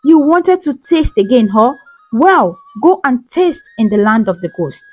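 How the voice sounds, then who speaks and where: A woman's voice: sits high, sing-song, unhurried, full character voice. A woman voicing a vengeful young female spirit, speaking coldly and mockingly, read as a storybook figure. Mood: cold scorn. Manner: cold, mocking. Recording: slightly dull recording with soft music.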